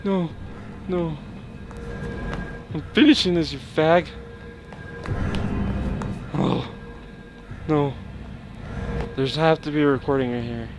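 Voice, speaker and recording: A young man playing a horror game, swearing, panicking and yelling at what chases him. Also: on the high side, slow, creaky, long pauses, music in the background. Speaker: gameplay streamer.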